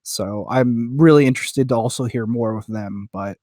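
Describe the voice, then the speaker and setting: A man co-hosting a podcast in casual chat, halting and full of fillers but enthusiastic. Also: medium pitch, mellow, no room sound, clean studio sound. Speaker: podcast co-host.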